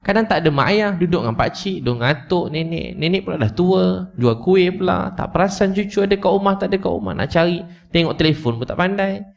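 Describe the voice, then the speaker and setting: A man's voice: sits high, animated, fast, creaky. A man preaching to a live audience, telling a story with emotion, repeating his points and speaking straight to his listeners. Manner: emotional, repetitive, addresses listeners directly. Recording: slightly dull lo-fi recording.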